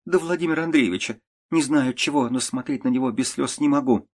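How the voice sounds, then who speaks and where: A man voicing a meek, gentle young woman who speaks softly and humbly, in an audiobook reading. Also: medium pitch, quick pace, pitched above the performer's own voice, close to an everyday voice. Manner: soft, humble, tearful.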